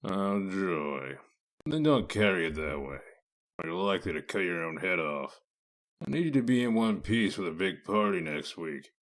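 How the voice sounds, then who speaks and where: Man acting deep, gruff, sardonic Bigby Wolf. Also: normal speed, exaggerated voice. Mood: dry. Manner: sardonic, deadpan, authoritative. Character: gruff, sardonic werewolf lawman, commanding and dry. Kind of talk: dramatic comic-dub voice acting.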